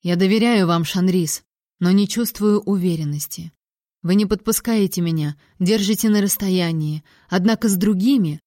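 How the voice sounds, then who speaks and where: A woman's voice: lowish voice, moderate pace, dark tone, no room sound, clean studio sound, natural voice. A woman voicing a stern young king. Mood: frustrated.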